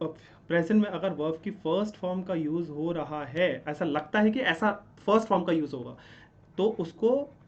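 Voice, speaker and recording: A man's voice: on the high side, lo-fi sound. A man teaching English grammar, asking a question and then answering it himself. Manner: explains step by step, asks and answers his own questions; keeps checking in with "ठीक है?". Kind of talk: classroom-style grammar lesson.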